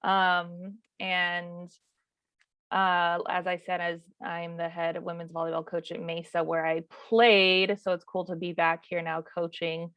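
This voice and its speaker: A woman's voice: fairly low pitch, measured pace, clear, resonant tone, no echo. A woman in her thirties from New Mexico, a volleyball coach leading a class over a video call, talking casually with many fillers. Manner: relaxed and chatty, with many fillers. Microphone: video call mic. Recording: dull, lo-fi call audio.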